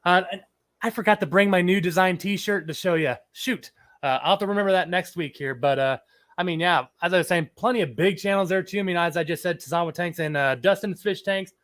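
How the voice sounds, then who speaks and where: Talking fairly quickly, a man hosts an easygoing livestream in a fairly high voice that's a touch scratchy from a cold. He chats and wanders from topic to topic, reading the chat aloud and stopping to welcome viewers.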